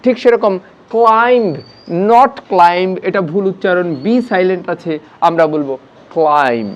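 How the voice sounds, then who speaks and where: A man teaching a spoken English lesson, slowly contrasting wrong and right pronunciations. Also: sits high, dull audio.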